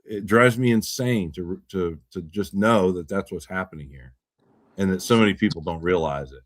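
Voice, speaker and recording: A low-voiced man hosts a laid-back political chat show as a podcaster, talking at a moderate pace. He wanders from point to point, repeats himself, and swears once he's riled. There is no echo.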